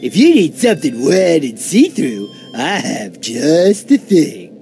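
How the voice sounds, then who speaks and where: A man's voice: fairly high pitch, sing-song, takes it slowly, warm tone, faint music behind. A man voicing a cheerful, clueless cartoon athlete with a goofy, naive, drawling delivery. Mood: chipper, naive. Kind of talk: cartoon voice acting.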